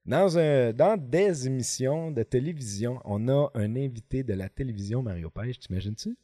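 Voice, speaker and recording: Rambling podcast host. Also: male voice, mid-range voice, animated, normal speed, warm tone, no room sound, studio quality. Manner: rambling, hesitant, many fillers and restarts, playful. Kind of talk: casual chat. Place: podcast studio in an office.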